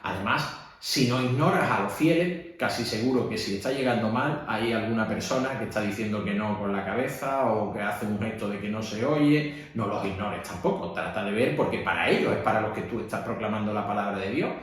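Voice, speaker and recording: A man's voice: fairly low pitch, fairly quick, few pauses. A man with a Spanish accent, a priest teaching how to read at mass, in a conversational way with frequent tag questions. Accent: Spanish (Spain). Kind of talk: instructional talk. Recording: echoey room.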